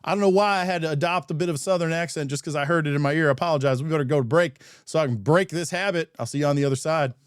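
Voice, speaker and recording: A man's voice: on the high side, very fast, few pauses, smooth. A man hosting a news magazine show, chatty and self-deprecating between stories. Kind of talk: casual studio presenting.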